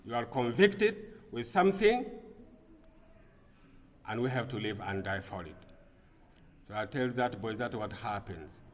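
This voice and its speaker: A man from Burkina Faso giving a Friday sermon as imam, earnest, swinging between quiet passages and emphatic bursts. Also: fairly low pitch, lively intonation, unhurried, long pauses. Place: mosque prayer hall. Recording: long reverb of a mosque hall.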